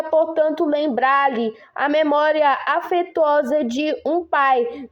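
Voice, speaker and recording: A woman reading a saint's life aloud, slow and careful, stumbling and restarting on hard names. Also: sits high, a little mellow. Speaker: reader.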